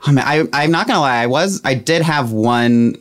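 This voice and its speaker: A man's voice: mid-range voice, lively intonation, brisk. A man from Illinois answering casually as a podcast guest, understated and matter-of-fact. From Illinois, United States. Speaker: podcast staffer appearing as guest.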